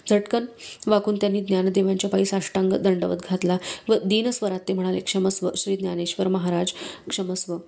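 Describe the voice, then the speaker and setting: Woman reading a devotional story aloud. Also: medium pitch. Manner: measured, steady storytelling. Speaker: book reader.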